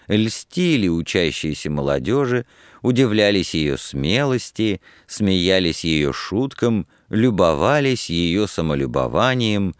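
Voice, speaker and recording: A man narrating an audiobook expressively, at a measured pace, close to the mic. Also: low-pitched, clean tone, no room sound.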